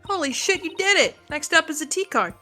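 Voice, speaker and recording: Bright lively lady streaming a game, playful, swears a bit, music in the back. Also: extremely high pitch, brisk. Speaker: streamer reading game dialogue aloud. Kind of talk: casual game stream chat and read-aloud.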